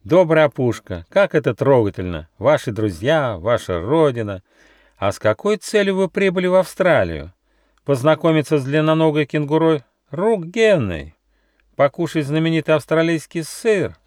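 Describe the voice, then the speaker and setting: A sly old grey fox inquisitor from a storybook, oozing false courtesy with a high, sing-song lilt that rides well above the reader's own voice, as a man puts him on. He turns sneering and stern without losing the oily tone. The sound is close and dry. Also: sing-song, normal speed, darkish tone, no room sound. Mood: oily, mocking. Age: older. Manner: mock-sweet, theatrical, sneering.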